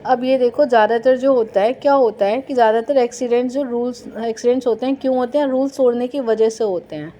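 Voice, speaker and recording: Mellow-voiced woman teaching a class. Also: fairly high pitch, slight background noise. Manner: explains slowly, asks and answers her own quiz questions. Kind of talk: classroom lesson.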